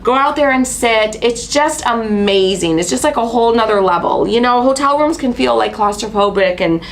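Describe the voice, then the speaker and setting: The audio is poor as this craft channel host, fairly high in pitch and speaking at normal speed, chats live on her casual stream. Allergies leave her sounding stuffy and nasal, and she tells stories loaded with fillers and excited side comments.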